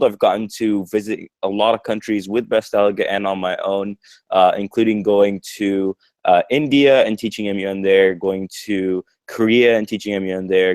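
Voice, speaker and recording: A young man from Egypt with an American accent, a program manager talking in a relaxed, friendly way over a video call, with fillers and kept fairly quiet. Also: on the low side, no echo. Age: young adult.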